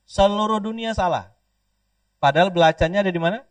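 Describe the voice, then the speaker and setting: A man from Pontianak, Indonesia, preaching a lively sermon, joking and leading call-and-response with the audience. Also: high voice, fairly quick, dry recording. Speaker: Islamic preacher. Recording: dry, distant mic.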